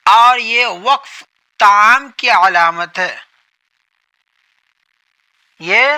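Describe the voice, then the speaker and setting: Very bright, sharp-voiced male teacher. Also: sits high, rough recording. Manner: repeats points, asks questions and answers them himself. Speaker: Quran reading teacher. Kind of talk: explanatory lesson.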